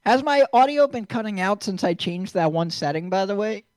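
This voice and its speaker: A man's voice: sits high, expressive, fairly quick, darkish tone, no room sound. A man with a mid-range voice trades blunt, sarcastic jokes on a group call. His mic runs through a mixer and sounds close and dry, with no room around it. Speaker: show host on a voice call. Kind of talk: casual group chat.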